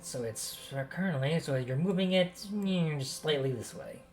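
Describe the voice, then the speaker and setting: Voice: medium pitch, moderate pace, soft background music. A game master running a tabletop game, upbeat and guiding players through their turns.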